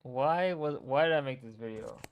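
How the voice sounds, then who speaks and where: A man's voice: medium pitch, moderate pace, clean tone, lo-fi sound. A young man casually reacting to his own old videos, teasing and talking to himself. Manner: wry, teasing, talks to himself.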